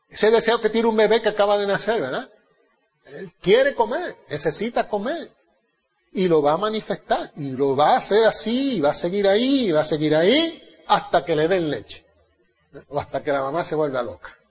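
A man preaches through a Bible passage, asking his congregation questions and answering them himself. His voice sits high and husky, climbing to loud emphasis and then dropping to soft, low asides. The recording sounds a little muffled and lo-fi. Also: long reverb tail. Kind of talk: Bible study sermon.

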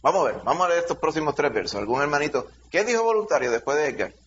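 A middle-aged man with a Dominican accent, a pastor leading a Bible study by telling a lively childhood story with shouted sound effects. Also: on the high side, very fast. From Dominican Republic. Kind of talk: preaching through a personal story. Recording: dull lo-fi sound, faint hiss.

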